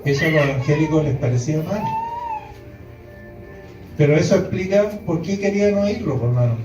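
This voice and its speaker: A man's voice: fairly high pitch, moderate pace. A man preaching a sermon to a congregation, emphatic and often breaking into exclaimed quotes. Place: church hall before a congregation. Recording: distant, echoey, dull hall recording with faint music.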